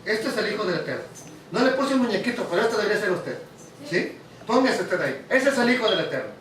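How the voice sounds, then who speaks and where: A preacher with a strikingly high voice teaches his congregation, stopping often to ask them questions. He sounds far from the mic. The hall around him rings with heavy echo. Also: expressive, fast talker, fairly bright tone, a little hiss or hum. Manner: asks the audience questions. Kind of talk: teaching sermon.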